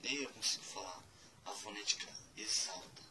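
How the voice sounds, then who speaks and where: A man giving a casual spoken lesson, spelling out letters one by one and repeating words slowly. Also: lowish voice, big pitch swings, pushed and bright, slight background noise, poor audio. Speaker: language teacher.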